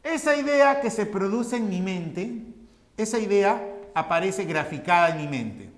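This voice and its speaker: A man teaches a class at an unhurried pace, his voice sitting high and swinging widely in pitch. He lays the material out step by step, putting questions to the students and answering them himself. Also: expressive. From Peru. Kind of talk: recorded class lecture.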